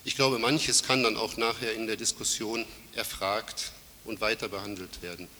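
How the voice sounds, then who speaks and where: A man with a cold gives a formal, measured academic talk at a conference, frequently using fillers and correcting himself. His fairly low voice is bright and forceful with fairly even intonation, captured in a hissy, reverberant lecture hall.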